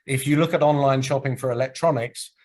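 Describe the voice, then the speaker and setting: A man giving a business presentation and answering questions over a video call, speaking in a measured, explanatory way while losing his voice. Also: mid-range voice, fairly even intonation, a little mellow, poor audio. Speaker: presenter at a market research webinar.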